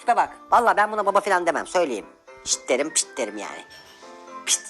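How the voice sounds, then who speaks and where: Young woman for a comic baby rant, sassy and quick, music faint under her. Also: lowish voice, big pitch swings, a bit bright. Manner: sassy, complaining, mocking. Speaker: comedian.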